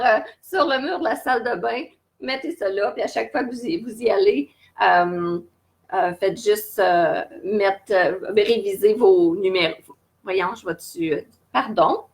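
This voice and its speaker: A woman with a Québécois French accent teaching a live beginners' English lesson from home, patiently repeating each English word several times for learners to copy. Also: medium pitch. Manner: patient, step-by-step explaining with frequent fillers. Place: at home during lockdown.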